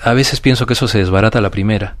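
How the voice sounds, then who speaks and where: A Peruvian man with a lowish voice speaks very fast yet calmly and reflectively as a guest in an interview. He's a paranormal investigator from Peru with a Peruvian Spanish accent, and his thoughtful answers are full of restarts and "¿sabes?" ("you know?").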